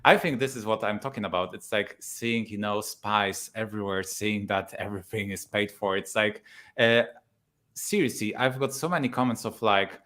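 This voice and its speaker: This thirties-aged YouTuber from Poland, speaking with a Polish accent, appears as a guest in a casual interview, laughing frequently and filling his speech with fillers in a relaxed way. His voice is lowish and moves at normal speed.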